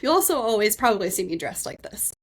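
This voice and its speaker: A woman's voice: mid-range voice, big pitch swings, quick pace, slightly rough. Earnest, emotional woman podcast host. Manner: earnest, emotional, talks directly to listeners. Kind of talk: casual personal storytelling.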